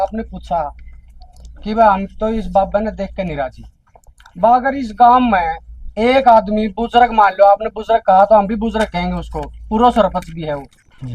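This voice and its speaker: A man with a Haryanvi accent gives an indignant public address at a village council meeting, asking rhetorical questions over and over. His voice sits very high for a man and sounds close and dry. The recording is dull and lo-fi. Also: darkish tone, dry recording.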